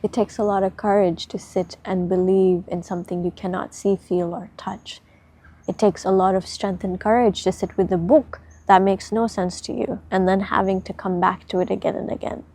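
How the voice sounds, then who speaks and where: Casting: a woman talking straight to her viewers about faith, chatty and direct, with a steady mid-range voice and frequent tag questions. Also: mid-range voice, normal speed, few pauses. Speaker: spiritual content creator. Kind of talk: casual spiritual advice talk.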